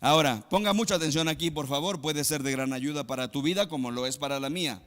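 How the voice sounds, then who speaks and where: Male Mexican pastor, emphatic sermon delivery, bright tense tone, long hall echo. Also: fast. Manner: emphatic preaching, swings between loud exclamations and low asides.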